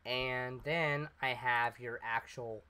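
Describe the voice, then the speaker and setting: Slow and fairly even in intonation, the man's medium-pitched voice comes across pushed, bright and clean as he talks over his gameplay. The let's play host rambles step by step with fillers, slightly congested as he gets over being sick.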